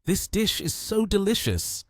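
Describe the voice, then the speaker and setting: A cheerful, teasing young woman, as a man puts her on in a story recap. Her lines are pitched higher and sound lively and playful. The recording is close and dry. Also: unhurried, no room sound. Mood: delighted.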